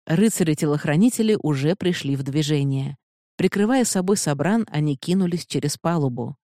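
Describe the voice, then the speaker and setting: An audiobook narrator reading a fantasy novel in a measured, steady way, close to the mic. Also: mid-range voice, no echo.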